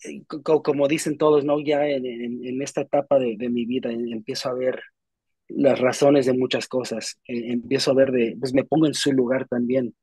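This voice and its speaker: A young man, a guest in a casual interview, telling animated stories with frequent restarts. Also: medium pitch, moderate pace, slightly rough, dry recording. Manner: animated storytelling with many restarts.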